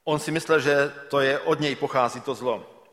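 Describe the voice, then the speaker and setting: A man's voice: medium pitch, fairly even intonation, fairly bright tone. Preacher man in a reverberant hall. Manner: storytelling, asks listeners rhetorical questions. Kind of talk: sermon with Bible reading.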